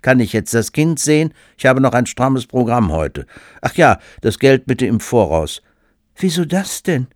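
A man's voice: medium pitch, big pitch swings, unhurried, dry recording, clean studio sound, voice pushed up. A man voicing a brash young male student dressed as Santa Claus. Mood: cheeky.

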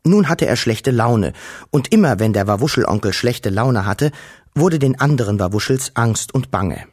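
A man reading a children's storybook aloud, gentle and expressive. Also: medium pitch, normal speed, husky. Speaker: narrator.

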